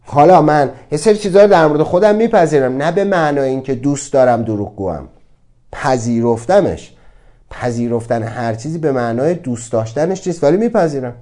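A man's voice: mid-range voice, dark tone. A man giving a motivational talk, earnest and reflective, asking many rhetorical questions. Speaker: speaker on self-acceptance.

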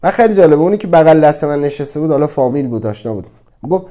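A man's voice: a little high, expressive, dark tone. Earnest man posing rhetorical questions. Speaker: speaker on self-acceptance. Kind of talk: motivational talk to an audience.

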